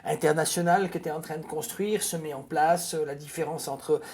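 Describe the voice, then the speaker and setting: A woman's voice: low voice, fairly even intonation, normal speed, darkish tone. A woman hosting a casual interview, rambling and repeating words as she frames her questions. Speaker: interview host.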